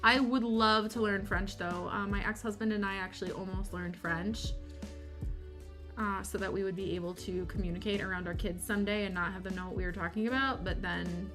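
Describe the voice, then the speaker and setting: This is a US livestream host with a Michigan accent who sounds tired, and her medium-pitched voice is fairly quick with fairly even intonation. During her co-working stream she chats casually with viewers, rambling, answering chat questions, and being self-deprecating. Lofi music plays underneath.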